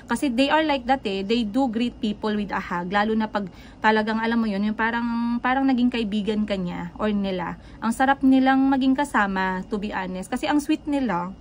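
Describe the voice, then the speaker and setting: A woman, vlogging and telling a story casually to her viewers in an animated, emotional way, mixing in English. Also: medium pitch, a little hiss or hum.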